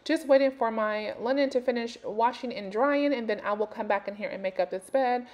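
A woman's voice: a little high, fairly quick, darkish tone. A woman in her thirties chatting casually to viewers as a home cleaning vlogger, talking them through her chores. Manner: chatty, addresses viewers directly. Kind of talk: casual voice-over chat.

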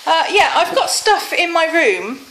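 An extremely high, unhurried voice with big pitch swings and a fairly bright tone belongs to this British vlogger in her thirties, slightly wheezy from a cold. She chats casually while moving through rooms at home. Recorded on a handheld phone or camera, the sound is echoey with some noise and clicks.

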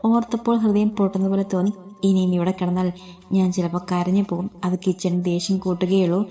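A woman narrating a romantic story in a steady reading voice. Her tone is mellow and dark. The pitch stays flat and even. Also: fast talker.

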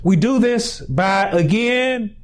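Preaching in a compact indoor space on a lapel mic, a pastor in his forties pairs slow, drawn-out delivery with bursts of shouting. His voice is high and his intonation lively.

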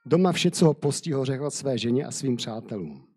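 A man's voice: medium pitch, lively intonation, a little mellow, husky. A man preaching a sermon, reading a scripture story aloud and then speaking freely with hesitant fillers.

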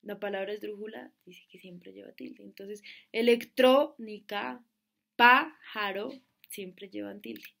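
A woman's voice: medium pitch, level tone, vocal fry, a little mellow, breathy edge. A woman teaching a class, patient and repetitive, often checking that students follow. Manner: slow, patient, repeats words and asks "¿listo?". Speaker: schoolteacher. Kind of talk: classroom lesson.

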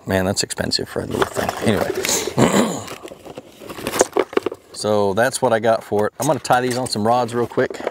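A man's voice: mid-range voice, moderate pace, pauses often, very noisy. A man in his thirties hosting a fishing video, casually explaining lures and rods from a boat on a lake, rambling with lots of fillers and restarts. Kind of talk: casual how-to narration while fishing.

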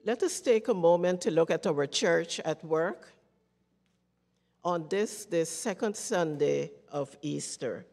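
A woman leading a church service, making announcements in a measured way. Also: on the low side, vocal fry, darkish tone, big-room sound. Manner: slow, measured delivery. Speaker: worship leader. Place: church sanctuary.

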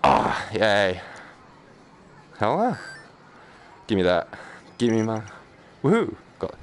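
Taking it slowly, a man with a lowish voice and big pitch swings streams a game with casual live commentary, muttering and exclaiming to himself in jokey self-deprecation. Noticeable background noise and game ambience come through.

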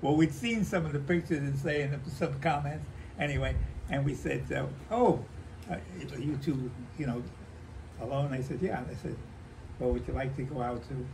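An American man in his nineties, an old veteran remembering the past in halting, conversational stories, repeating himself and acting out remembered dialogue. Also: medium pitch, fairly even intonation, gravelly, darkish tone. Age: 90s. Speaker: war veteran interviewee. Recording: noisy handheld home recording.

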